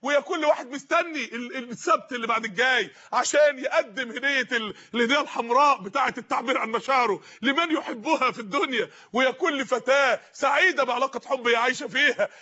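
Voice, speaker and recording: A man with an Egyptian Arabic accent preaching an impassioned sermon, often shouting and pleading with his listeners. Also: extremely high pitch, quick pace, few pauses, lo-fi sound.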